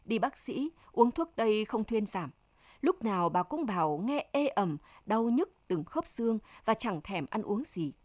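Female storyteller, middle pitch, dry close recording, reads all roles herself. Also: big pitch swings, measured pace, a little mellow, no room sound. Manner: reads every character's lines in her own voice. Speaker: narrator. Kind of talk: audiobook story narration.

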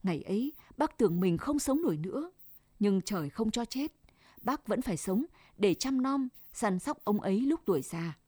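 A woman voicing a gentle old neighbor woman with a Hue accent, speaking low and even like a chant. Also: normal speed, breathy edge, no room sound, clean studio sound. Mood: consoling.

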